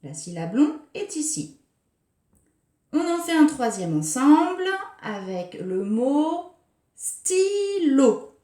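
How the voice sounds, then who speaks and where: A woman preschool teacher giving a recorded lesson for young children, speaking slowly and articulating each syllable with care. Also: high-pitched, sing-song, mellow. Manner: slow, carefully articulated, scanning syllables. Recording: roomy echo.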